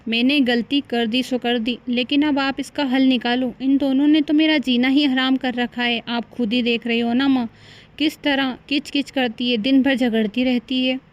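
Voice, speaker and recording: A woman's voice: sits high, steady tone, moderate pace, muffled recording, close to an everyday voice. A woman voicing a meek, harried young husband in a cartoon story, weary and pleading. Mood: despairing. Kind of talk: cartoon voice acting.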